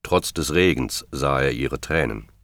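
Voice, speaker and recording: A man reading a novel aloud in steady, measured narration. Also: a bass voice, no echo, studio quality. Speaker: audiobook narrator. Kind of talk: scripted narration.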